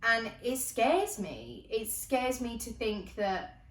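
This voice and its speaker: Young woman in her 20s telling stories, swears a lot, bright voice, roomy echo. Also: on the high side, takes it slowly, far from the mic. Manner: animated, swears casually, self-mocking. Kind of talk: casual storytelling monologue. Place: indoors, sitting on the floor.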